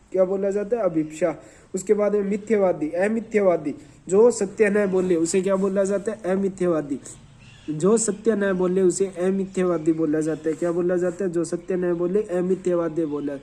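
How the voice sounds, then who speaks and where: A male teacher runs a brisk revision drill in a fairly high voice. He repeats each word list several times and poses questions he then answers himself. He spells out English words letter by letter. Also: warm tone. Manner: drilling word lists by repetition, asking and answering his own questions. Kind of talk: exam revision lesson.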